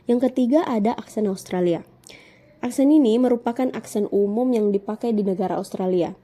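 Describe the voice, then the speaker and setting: A woman lecturer giving a measured, explanatory scripted lesson narration. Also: fairly high pitch, warm tone.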